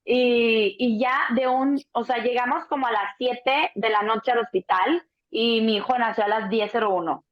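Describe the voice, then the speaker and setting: A Mexican woman in her thirties, a doula, telling a birth story in a relaxed chat, acting out the voices of the people in it and swearing casually. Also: on the high side, moderate pace, hardly any pauses. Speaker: doula, co-host. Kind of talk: casual conversation. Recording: dull lo-fi sound.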